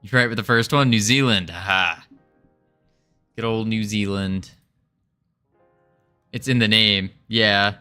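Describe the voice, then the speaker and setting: Laid-back man dev on stream, low-pitched, unhurried, greets chat between tasks, soft music behind. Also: clear, resonant tone. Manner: relaxed, chatty, greets viewers, muses while working. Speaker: indie game developer streaming. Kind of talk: casual live coding stream, thinking aloud.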